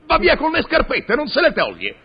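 A politely exasperated bowling alley clerk, with a high voice that rises and falls a lot. He keeps his patience with his difficult customer. The recording is dull and lo-fi. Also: huge pitch swings, moderate pace, heavily acted.

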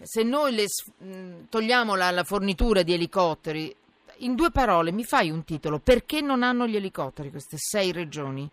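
A woman's voice: mid-range voice, expressive, moderate pace, fairly bright tone. A woman hosting a live radio news talk, speaking in an emphatic, indignant way and often cutting in. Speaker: radio host.

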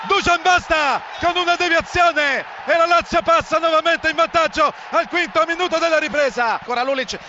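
A man doing live football play-by-play, urgent and excited, repeating names and shouting goals. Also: extremely high pitch, fairly quick. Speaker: football commentator. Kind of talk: live play-by-play goal commentary. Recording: dull, noisy live radio-style broadcast.

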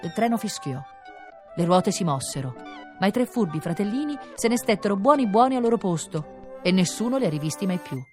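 A woman reading a children's fairy tale for radio, with playful, expressive narration. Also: mid-range voice, a little fast, loud music behind the voice. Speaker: reader.

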